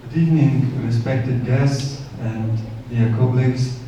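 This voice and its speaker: A man, an English teacher giving a formal, halting presentation. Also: medium pitch, steady tone, over a noisy crowd, very noisy. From Tajikistan. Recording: dull echoey room, far off.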